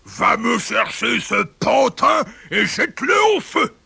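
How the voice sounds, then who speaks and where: A man voicing a huge, fierce, bearded male puppet-theatre director in a storybook reading, with a gravelly, raspy voice. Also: sits high, very animated, slow, bright, forceful tone, dry recording, voice pushed up, exaggerated voice. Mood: bellowing. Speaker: storybook character.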